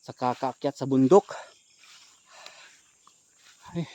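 A man vlogging outdoors on a mountain at night, out of breath, excitable, swinging between hushed narration and alarmed shouts. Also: medium pitch, takes it slowly. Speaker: ghost-hunting vlogger. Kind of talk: casual vlog narration.

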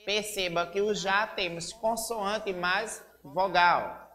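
A woman teacher with a Brazilian accent giving a slow, deliberate literacy lesson, spelling out syllables. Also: mid-range voice, fairly even intonation, fairly bright tone, long reverb tail. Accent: Brazilian Portuguese.

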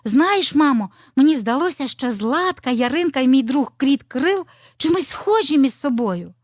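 A woman voicing a little girl fox cub, eager and curious, with a high, lively childlike voice in a storybook tale. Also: moderate pace, no echo, studio quality. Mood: excited.

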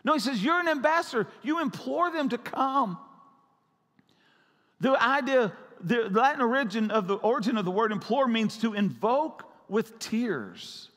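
A man's voice: very high-pitched, expressive, normal speed, a bit bright. A man preaching a sermon as pastor, urgent and repetitive, pressing his listeners. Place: church sanctuary. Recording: long church hall reverb.

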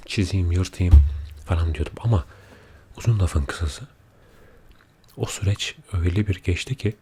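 A man speaking quietly at night in a soft-spoken, confiding ASMR chat, unhurried and often dropping close to a whisper. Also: low-pitched. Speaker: ASMR video creator. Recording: audible background noise.

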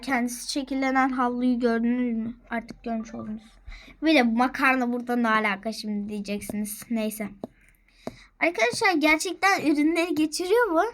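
A woman's voice: on the high side, slight background noise. A young woman with a Turkish accent, playfully narrating her game to viewers in a dramatic, chatty way. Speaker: gaming vlogger. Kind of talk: casual game commentary.

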